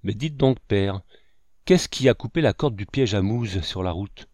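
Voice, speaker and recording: Storybook role: man reading a hefty young frontier son, respectful and eager, lowish voice, dry sound. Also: expressive, a little slow, a little mellow, no room sound.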